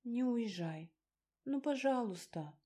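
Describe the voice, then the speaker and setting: A woman's voice: medium pitch, steady tone, normal speed, a little mellow, natural voice. A woman voicing a frightened young woman who pleads and coaxes in a raised, wheedling voice in an audiobook. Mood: coaxing.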